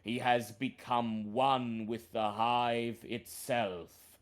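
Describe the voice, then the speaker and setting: A man's voice: mid-range voice, little pitch movement, extremely slow. An ancient talking tree, played by a male game master speaks with grave formality. The grumbling treant takes its time over every pronouncement, solemn and weighty, as in a fantasy tabletop game. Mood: solemn warning.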